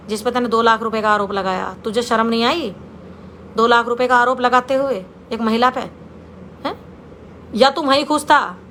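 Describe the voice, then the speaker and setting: A middle-aged woman delivers a confrontational public statement. Her voice sits high and sounds sharp and bright. She scolds her rival head-on and speaks to him directly. A faint hiss of noise runs under her voice.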